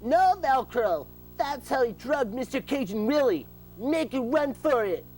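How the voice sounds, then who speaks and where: A woman's voice: high voice, lively intonation, unhurried, a little mellow, a little hiss or hum. A woman playing a timid, polite young son, hesitant and innocent, in a comedy audio drama. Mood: alarmed.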